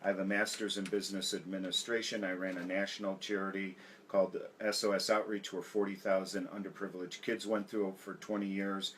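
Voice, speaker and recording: A man's voice: low voice, fairly bright tone, low-quality recording. American man, emphatic, over background noise. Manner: emphatic, listing grievances. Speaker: political candidate interviewee. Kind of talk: campaign interview.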